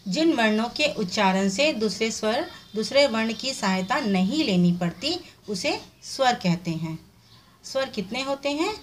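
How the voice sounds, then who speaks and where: A Hindi teacher with a slightly high voice gives a recorded revision lesson, explaining things step by step and answering the questions she poses herself. She sounds animated yet unhurried, and a faint hiss or hum sits under the audio.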